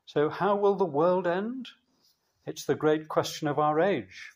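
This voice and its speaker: A man preaching a sermon in a church, slow and measured, with emphatic pauses. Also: fairly high pitch.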